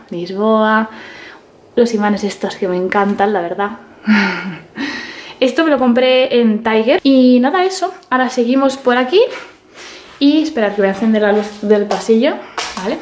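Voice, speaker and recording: Young woman rambling thru her flat on a phone cam, kinda high voice, laughs a lot. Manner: chatty, laughs often, lists items offhandedly. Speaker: beauty vlogger giving a home tour. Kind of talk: casual home tour walkthrough. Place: small apartment, indoors. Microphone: handheld phone camera.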